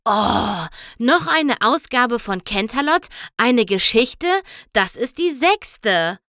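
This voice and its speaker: Eine Frau spielt ein müdes, gelehrtes Einhorn. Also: female voice, medium pitch, animated, very slow, sharp tone, clean tone, no echo, studio quality, exaggerated voice. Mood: weary. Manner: sighing, tired. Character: young woman, bookish unicorn, weary and studious.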